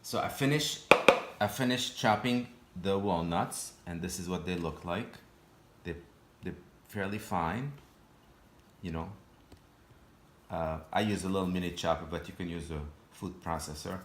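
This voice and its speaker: A man giving a patient, step-by-step cooking demonstration in his home kitchen, often pausing and restarting his sentences. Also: low voice, very noisy. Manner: halting, patient step-by-step explaining with frequent restarts. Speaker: home cook. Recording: echoey kitchen room.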